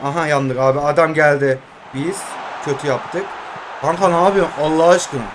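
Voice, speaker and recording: A young man in his twenties giving casual, excitable play-by-play of his mobile football game, joking and talking to his viewers as friends. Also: on the high side, normal speed, noisy background. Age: 20s. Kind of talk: casual gameplay commentary.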